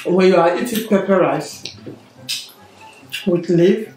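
A woman's voice: on the low side, slow pace, darkish tone. A woman chatting to viewers on an eating vlog, talking with her mouth full of food. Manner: chatty, talks to viewers between bites. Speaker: mukbang vlogger, co-host with husband. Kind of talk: casual eating vlog chat. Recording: roomy echo with faint music.

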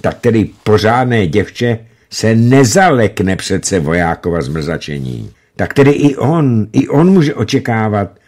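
A man reading the part of an excitable young officer who shouts eagerly into a telephone. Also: on the low side. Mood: musing.

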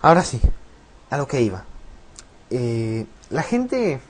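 A teenage boy with a Rioplatense Spanish accent rambles loosely over his game footage, swearing often. His voice sits at a middling pitch, and he talks into a loose desk mic that keeps slipping. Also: sing-song, slow, a little hiss or hum. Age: teen. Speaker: gameplay commentator. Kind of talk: rambling let's-play chat.

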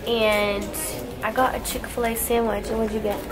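A woman's voice: on the high side, level tone, moderate pace, music in the background. A young woman in her twenties chatting casually and playfully as a fitness vlogger, filming herself on a handheld phone as she moves from place to place. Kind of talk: casual vlog chat. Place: on the move: home, gym, restaurant, warehouse. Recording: noisy phone video recording.

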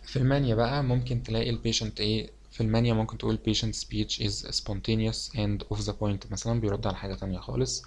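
A fairly low-voiced young man with an Egyptian Arabic accent walks students through exam revision. He explains at an easy, conversational pace and drops English medical terms into his Arabic. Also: little pitch movement, fast talker. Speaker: medical lecturer.

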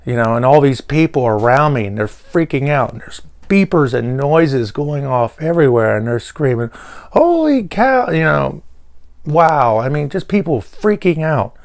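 A man's voice: mid-range voice, moderate pace, hardly any pauses. A man casually telling a personal story to camera, rambling with fillers and restarts. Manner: animated when quoting people. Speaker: vlogger.

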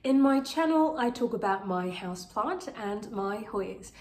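An earnest woman who hosts a houseplant channel reviews a product to camera in a bright, plant-filled living room, her voice still recovering from illness. She has a mid-range, animated voice, speaking at a measured pace, chatty and sincere with frequent fillers. The home room sounds roomy and echoey.

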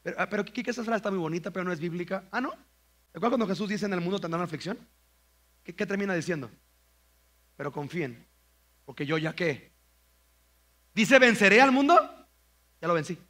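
A man with a Mexican accent preaching a sermon, joking with the congregation and acting out comic prayers in slow, exaggerated voices. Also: sits high. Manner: playful, jokes with the congregation. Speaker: pastor. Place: church auditorium.

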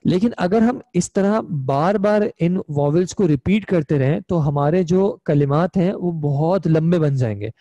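A man's voice: fairly high pitch, unhurried, hardly any pauses, warm tone, dry recording, muffled recording. A young man teaching an online Arabic grammar class, explaining patiently step by step and checking in with his students. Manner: patient, explains step by step, often asks "ठीक है?".

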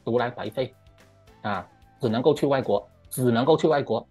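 Middle-aged man, Malaysian Mandarin accent, husky voice, emphatic ranting commentary, faint music underneath. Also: mid-range voice, warm tone. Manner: emphatic and ranting, drawn-out "ah" particles, English words mixed in. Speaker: current-affairs commentator. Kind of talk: opinionated monologue commentary.

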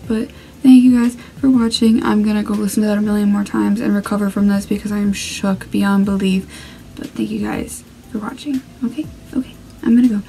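A young woman talks excitedly to her viewers in a music reaction vlog, her voice in a middle register. She gushes and rambles breathlessly and leans on fillers. A faint hum sits behind her. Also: mid-range voice, fast talker, poor audio. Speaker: reaction video host.

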